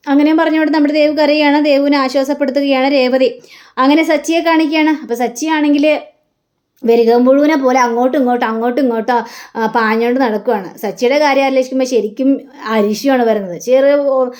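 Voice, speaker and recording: A woman's voice: high-pitched, steady tone, a little fast, a little mellow. A woman retelling a TV serial episode in a chatty, casual way, with many filler sounds. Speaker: TV serial reviewer.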